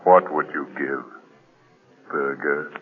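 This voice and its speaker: An actor playing a mysterious unseen avenger in an old-time radio drama, commanding, deliberate and theatrical. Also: male voice, rumbling low, steady tone. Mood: sinister, taunting. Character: mysterious unseen male avenger taunting criminals. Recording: tinny old radio recording.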